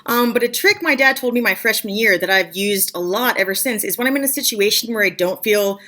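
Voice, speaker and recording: A young woman vlogging comic advice in a bubbly, self-mocking way with quick asides. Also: medium pitch, animated, bright, forceful tone. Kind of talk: scripted comedic vlog advice.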